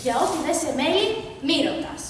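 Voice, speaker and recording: A woman voicing a stingy, commanding master in a folk tale, loud and insistent, recorded far off in an echoey hall with background noise. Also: very high voice. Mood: bossy.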